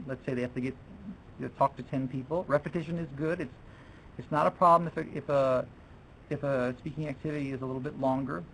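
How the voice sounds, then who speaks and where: A man's voice: mid-range voice, gravelly, fairly bright tone, slight background noise, low-quality recording. A man presenting a teaching workshop to fellow teachers in a chatty way, restarting his sentences and dropping in French phrases.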